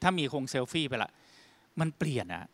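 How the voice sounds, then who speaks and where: A man's voice: medium pitch, sing-song, fairly quick. A middle-aged man giving a casual, slangy storytelling talk about leadership, acting out quoted lines as he goes. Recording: long hall reverb.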